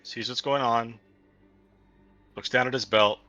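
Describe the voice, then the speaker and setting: Man, tabletop game player, sharp bright timbre, third-person narration, slightly dull dry recording. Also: mid-range voice, fairly even intonation, a little slow, no room sound. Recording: dull, band-limited, faint music.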